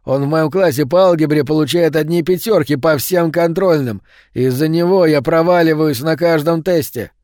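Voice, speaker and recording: A man voicing a boastful teenage schoolboy who teases loudly. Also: a little high, moderate pace, few pauses, dry recording, clean studio sound, voice pushed up, natural voice. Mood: teasing.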